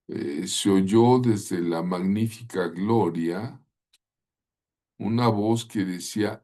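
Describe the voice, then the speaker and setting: With a lowish, dark voice, a man teaches a Bible lesson in sermon style. He retells the stories vividly and keeps asking his listeners rhetorical questions.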